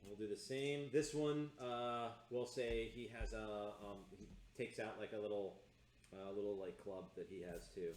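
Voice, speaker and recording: A man running a tabletop role-playing session as game master, relaxed and laughing often, with many fillers. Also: on the low side, moderate pace, roomy sound, slight background noise.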